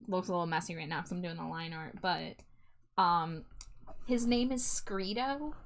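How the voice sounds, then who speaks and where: A woman art streamer chatting casually to viewers on a livestream in a cute, friendly, appreciative manner. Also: mid-range voice.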